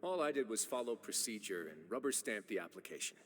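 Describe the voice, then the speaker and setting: A man playing a composed, dryly polite official who speaks in a measured, formal way. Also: fairly low pitch, sing-song, a bit bright.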